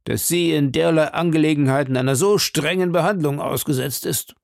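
Male reader doing a proud captain of musketeers, high-pitched, gravelly, insistent declaiming. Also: a little fast, no echo, clean studio sound. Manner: bold, insistent, raised declaiming voice. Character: proud defiant captain of musketeers, middle-aged man. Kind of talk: audiobook character voice.

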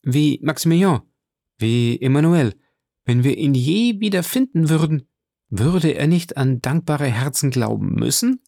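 An earnest young woman, desperate with gratitude, begs and exclaims in a raised, emotional voice, as a male reader puts her on. Her lines carry a gravelly edge under the lift in pitch and sound dry and close. It is a classic novel read aloud as an audiobook. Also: lively intonation, a little slow, mellow, no room sound. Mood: pleading. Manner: pleading and emotional.

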